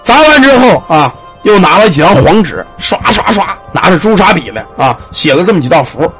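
Man, ghost-story teller, high and husky. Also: brisk, faint music behind. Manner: animated, with shouted cries and sound words.

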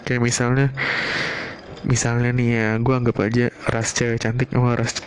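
A man's voice: medium pitch, monotone, moderate pace, slight background noise. A man, talking in a loose solo monologue at home, rambling and swearing casually. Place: home room, not a studio.

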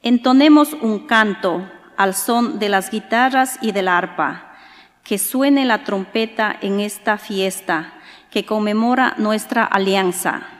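A woman reads scripture formally as a lector at Mass. Her medium-pitched voice takes its time over each phrase, and every line rings out with the long reverb of a large church. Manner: formal, measured recitation. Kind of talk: liturgical scripture and psalm reading.

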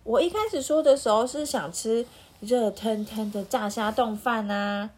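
Impatient wolf who cant wait to eat, breathy, woman voicing. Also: on the high side, moderate pace, darkish tone. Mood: eager. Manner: eager, breathless. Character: impatient, hungry male wolf.

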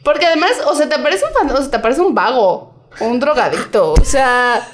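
Young mexican woman chatting w friends, high voice, laughs a lot, slangy. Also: brisk. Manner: animated, laughing, slangy storytelling. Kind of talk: casual chat among friends.

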